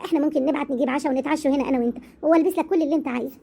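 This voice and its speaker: Woman acting nervous Egyptian wife, pleading, very high voice, rapid speech. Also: creaky, dark tone. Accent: Egyptian Arabic. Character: timid anxious wife, afraid of divorce. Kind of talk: family web drama acting.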